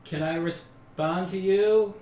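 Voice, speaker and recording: A man's voice: sits high, fairly even intonation, slow, dark tone. A man playing a tabletop game, chatting casually as a player. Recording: echoey room, distant mic, faint noise.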